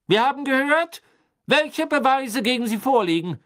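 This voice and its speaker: A reader voicing a stern, hate-filled father who presides as a judge, barking his charges in a loud, clear voice in a dramatic audiobook reading. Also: high-pitched, expressive, moderate pace, voice pushed up. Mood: stern, furious.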